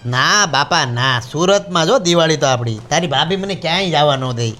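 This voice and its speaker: A man's voice: animated, normal speed, noisy background. A man with a Gujarati accent playing a boastful husband in a comedy sketch, chatty and showy. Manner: boastful, then pleading in high squeaks. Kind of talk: scripted comedy sketch acting.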